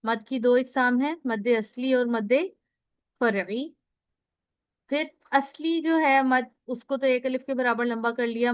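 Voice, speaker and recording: A woman's voice: on the high side, clear, resonant tone, no echo, studio quality. A woman teaching a recorded lesson on Quran recitation. She explains step by step, asks questions and answers them herself, and often checks in with listeners. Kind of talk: recorded lecture.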